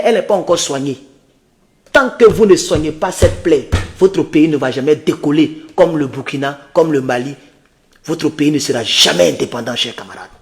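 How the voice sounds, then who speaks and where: A man who reads an English article slowly, translates it into for his viewers and comments with impassioned rhetorical questions. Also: high-pitched, darkish tone. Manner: repeats refrains to address his viewers. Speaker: political commentator.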